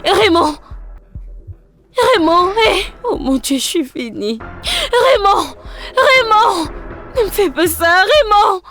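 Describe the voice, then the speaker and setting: A frantic, abandoned young woman. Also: high voice. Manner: shouting and crying, begging. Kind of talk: French film dub.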